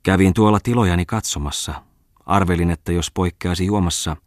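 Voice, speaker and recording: A man's voice: low-pitched, no room sound, clean studio sound, natural voice. A man reading an audiobook voices a stout, wealthy businessman who probes and talks down to people in a self-assured way. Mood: affable. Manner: probing, condescending, chuckling. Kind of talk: audiobook character voice.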